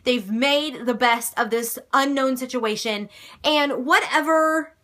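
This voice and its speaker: A woman's voice: sits high, slow, fairly bright tone. A young woman answering viewer questions in a casual, chatty video, emphatic and gushing, with mild swearing. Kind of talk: casual chat.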